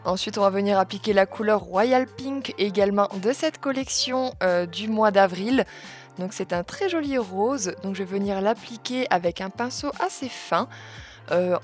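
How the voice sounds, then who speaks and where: A woman talks through a nail art tutorial in an unhurried voice-over, explaining each step with small hesitations. Her voice sits at a middle pitch, and soft music plays faintly underneath. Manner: calm, step-by-step explaining with fillers.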